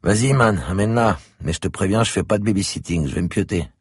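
Brief: sleepy slangy young guy, careless and loud, read by a husky-voiced man. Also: lowish voice, quick pace, no echo, studio quality, pitched above the performer's own voice. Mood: offhand. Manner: loud casual slang, offhand. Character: lazy young male neighbour, slangy slacker.

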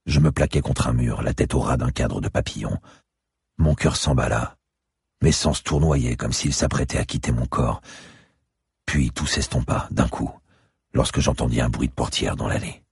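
A man giving grave, steady first-person narration of a dark thriller audiobook. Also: extremely low pitch, normal speed, creaky, breathy edge, no echo, studio quality.

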